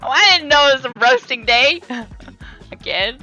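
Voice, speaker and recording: A young woman streaming a game at home and chatting with friends over voice chat, excitable and yelling at the game. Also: high voice, fast talker, dull audio, soft background music. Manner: excitable, shrieks and yells at the game. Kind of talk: casual gaming chat with friends.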